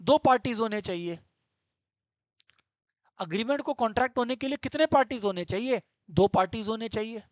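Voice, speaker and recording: Brief: high-voiced male teacher, lively and quizzing, close dry mic, live class. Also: brisk, pauses often, no echo. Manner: energetic, repeats points, quizzes students. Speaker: commerce teacher. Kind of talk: live online law lecture.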